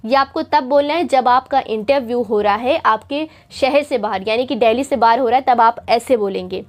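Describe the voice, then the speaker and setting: A woman from India with a high voice teaches a spoken English lesson. She is patient and repeats her points for students. She draws out her English example phrases slowly and carefully.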